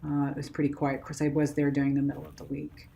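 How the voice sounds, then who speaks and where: Female travel vlogger, low voice, casual unscripted narration, conversational and a little hesitant. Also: monotone, fast, creaky, warm tone, lo-fi sound.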